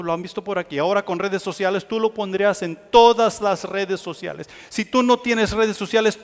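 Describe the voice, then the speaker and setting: A man preaching a sermon with passion, dropping to hushed lines and rising to loud ones. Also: high-pitched, in a large hall. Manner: impassioned, swinging between hushed and loud.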